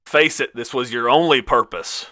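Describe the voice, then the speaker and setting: A man's voice: mid-range voice, moderate pace, bright, forceful tone, no echo, lightly acted. A man voicing a cackling, taunting male villain who delivers grand menacing monologues in a tabletop game.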